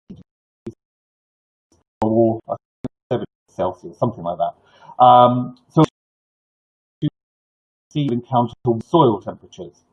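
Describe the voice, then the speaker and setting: An older man with toothless, slightly slurred articulation gives informal live advice as a clinic host, in a halting, rambling way with false starts and repetitions. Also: mid-range voice, breathy edge. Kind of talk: informal live advice, answering viewer questions. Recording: dull, lo-fi sound.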